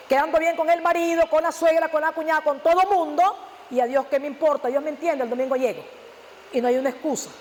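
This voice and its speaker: High-voiced pastor preaching fervently. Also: male voice, a little hiss or hum. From Nicaragua. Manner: fervent preaching, with rhetorical questions and sudden loud emphasis. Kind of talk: sermon. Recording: echoey church hall with long reverb.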